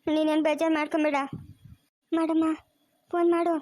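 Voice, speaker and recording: A woman's voice: high-pitched, level tone, a little fast, darkish tone, close to an everyday voice. A woman voicing a worried grown daughter who pleads with her mother in a cartoon story. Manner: pleading, fretful. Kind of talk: cartoon voice acting.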